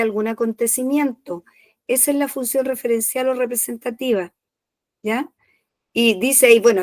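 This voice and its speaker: A woman's voice: fairly high pitch, no room sound. A woman teacher, patiently explaining a lesson in an online class and checking in often. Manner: explains patiently, checks in with "¿ya?" after each point.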